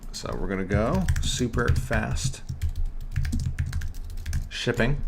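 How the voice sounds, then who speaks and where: A man's voice: medium pitch, expressive, slow pace, gravelly, background noise. A young man with a New York accent hosting a casual live screen-share tutorial, chatting to viewers and correcting himself as he works. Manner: chatty, self-correcting, talks to chat while working. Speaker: livestream host teaching online store building.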